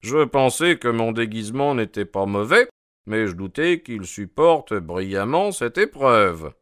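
A composed, quietly amused detective who speaks with calm authority and a touch of wit, as a male reader puts him on. The tone is bright and crisp, slow and deliberate, in a dry storybook reading. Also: medium pitch, no echo. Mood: assured. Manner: wry, assured.

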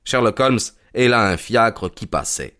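A man narrating a story in a measured, deliberate reading. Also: lowish voice, animated, fairly bright tone.

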